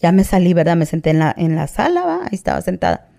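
A woman's voice: on the low side, big pitch swings, fast, gravelly, dark tone. A woman telling her own story as an interview guest, often tagging phrases with "¿verdad?" and "¿va?" and restarting her sentences. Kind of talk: personal testimony, casual retelling.

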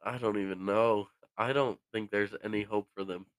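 A man's voice: on the low side, fairly even intonation, normal speed, no echo. A young man co-hosting a casual sports podcast, answering in a laid-back, joking, slangy way. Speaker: podcast co-host.

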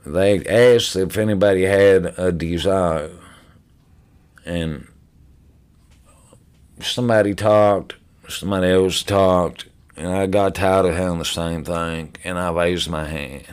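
A man's voice: low-pitched, steady tone, slow, long pauses, clear, resonant tone. A man speaking as a podcast guest, telling his story in a casual, blunt, profane way and restarting sentences as he goes. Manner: blunt and profane, gets loud when reliving moments; repeats words as he restarts sentences.

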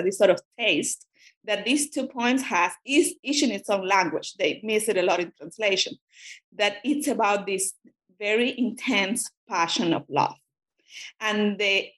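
A woman who grew up in Cuba, a native Spanish speaker, talks as a guest scholar in an academic interview. Her voice sits in a middle pitch. She thinks aloud, circling back and restarting phrases as she goes. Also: fairly bright tone. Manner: thoughtful, frequent restarts.

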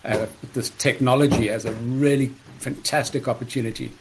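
Measured male podcast guest. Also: mid-range voice, fairly even intonation, a little hiss or hum. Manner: measured, explanatory, businesslike. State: slight frog in his throat. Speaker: guest, startup co-founder. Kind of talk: podcast interview answers.

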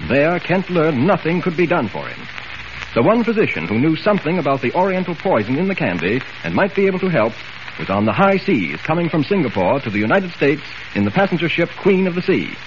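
A man's voice: on the high side, very animated, fairly quick. A man narrating a 1940s radio drama in a dramatic storytelling manner, heard as an old radio show broadcast. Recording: muffled hissy 1940s radio transcription.

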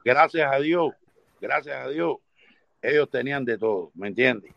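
A man's voice: medium pitch, unhurried, gravelly, a bit bright, no echo, highs cut off. A man talking bluntly and stubbornly in a casual live debate.

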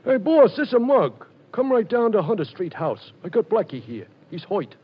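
A man imitating a rough, pushy gangster henchman with raspy, slangy tough-guy talk in a 1940s radio drama. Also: sits high, big pitch swings, moderate pace, pitched above the performer's own voice, heavily acted. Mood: pushy, urgent. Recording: muffled old radio recording.

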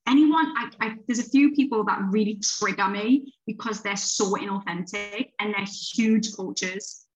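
A woman in her late thirties, a podcast guest, chats casually in a mid-range voice, the audio's highs cut off. She rambles through her thoughts, restarting often and laughing as she talks.

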